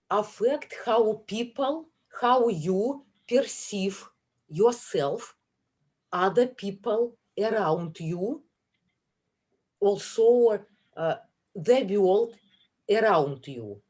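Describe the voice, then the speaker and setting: A woman hosts a webinar over a video call. Her voice is husky and a little breathy, with a middle pitch. She talks very slowly and deliberately and lays out her points one word at a time. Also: animated, a little mellow. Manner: slow, deliberate, listing words one by one. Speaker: webinar host. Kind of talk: guided webinar talk.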